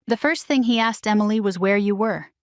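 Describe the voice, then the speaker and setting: A woman voicing a female friend passing on gossip in a story reading, in a hushed, confiding way. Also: medium pitch, brisk, no echo, studio quality, close to an everyday voice.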